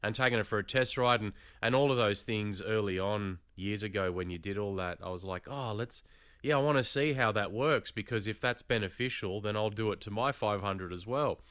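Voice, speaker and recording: A man hosting a casual interview in an encouraging, conversational way with a smooth, clear voice. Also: lowish voice, steady tone, brisk, hardly any pauses, a bit bright, dry recording, studio quality. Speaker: host interviewing a YouTuber.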